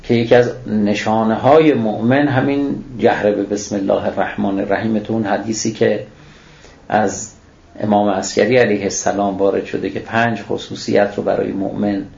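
A man's voice: fairly low pitch, creaky, darkish tone. A man giving a religious lecture on scripture, reciting Arabic phrases and then explaining them, posing rhetorical questions and answering them himself. The recording is echoey and dull.

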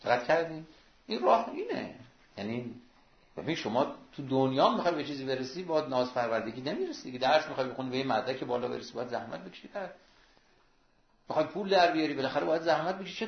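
A man preaching a sermon, emphatic and exhorting, with sudden rises and hushed drops, in a roomy, dull recording. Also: fairly high pitch, lively intonation, vocal fry.

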